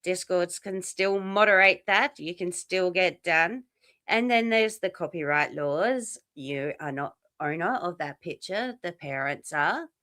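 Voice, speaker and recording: A woman joining a casual livestream as a guest, her voice a little low but sharp and bright. She speaks bluntly and indignantly, swearing now and then. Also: a little slow, no room sound.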